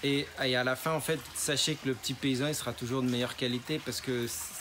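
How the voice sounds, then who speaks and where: A spirulina farmer, interviewed amid noisy surroundings, patiently goes through his process one step at a time. He talks fast in a mid-range voice with fairly even intonation.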